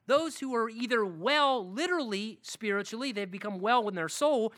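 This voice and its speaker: A male pastor preaching with a bright, forceful tone and a voice that swings widely up and down. He stacks up short phrases one after another and hammers each point home. The sound is close and dry, with no room echo. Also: high voice, normal speed. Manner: emphatic, animated preaching with listed phrases. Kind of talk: sermon.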